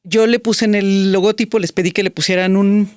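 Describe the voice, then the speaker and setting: A woman in her forties, speaking as a guest and recounting a personal story in a thoughtful way. She pauses often on fillers and restarts her sentences. The sound is close and dry, with no room around her. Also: mid-range voice, fairly even intonation, darkish tone, no echo. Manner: reflective, many "este" fillers and restarts. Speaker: guest, business strategist.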